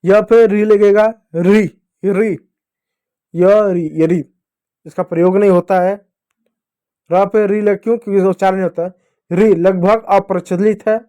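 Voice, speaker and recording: A man teaching young children to read, speaking slowly and repeating each syllable for them to say after him. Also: high-pitched, fairly even intonation, mellow. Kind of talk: Hindi reading lesson for children.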